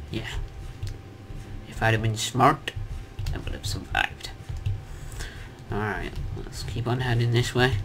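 A man's voice: medium pitch, gravelly, bright, forceful tone, slight background noise. A young man giving casual, jokey commentary on his own gameplay, chatting to himself and his viewers. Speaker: gaming commentator. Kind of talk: casual let's-play commentary.

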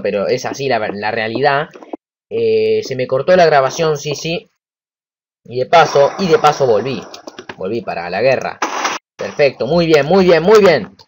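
A man with a Rioplatense Spanish accent giving casual let's-play commentary. He is excitable, talks to himself and to the game, and swears when frustrated. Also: mid-range voice, a little hiss or hum, rough recording. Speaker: gameplay commentator.

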